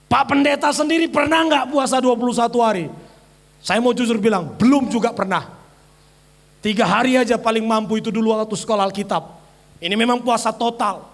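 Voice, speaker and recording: A male pastor preaching an energetic sermon, swinging between shouted declarations and soft mimicking asides. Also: very high voice, brisk. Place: church sanctuary. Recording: church hall with long reverb.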